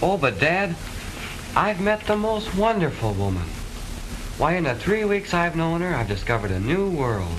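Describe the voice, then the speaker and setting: An actor playing an earnest, lovestruck young son with florid, declamatory delivery in stagey 1920s comedy film style. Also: male voice, on the high side, sing-song, normal speed. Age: young adult. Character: lovestruck, earnest, melodramatic college-boy son. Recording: hissy 1920s film soundtrack.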